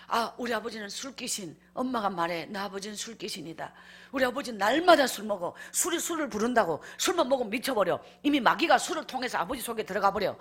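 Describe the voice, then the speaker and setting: A woman's voice: a little high, a bit bright, husky. A woman evangelist tells her life story in a revival sermon, emphatic and acting out scenes as she goes. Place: church.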